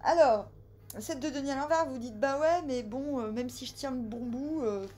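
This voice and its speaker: A tarot reader with a high voice gives a casual reading at normal speed, speaking straight to her viewers. She jokes, teases and scolds them, shifting between sudden loud bursts and quiet asides.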